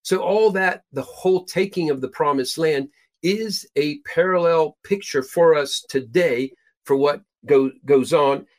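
Emphatic middle-aged man teaching scripture. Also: unhurried. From Peru. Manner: emphatic, building to stressed high points. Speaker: host and Bible teacher.

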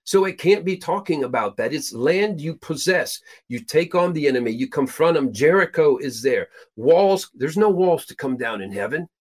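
A middle-aged man raised in Peru, hosting a show and teaching from the Bible in an emphatic way, stressing his high points. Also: lively intonation, moderate pace, hardly any pauses. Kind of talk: scripture teaching talk.

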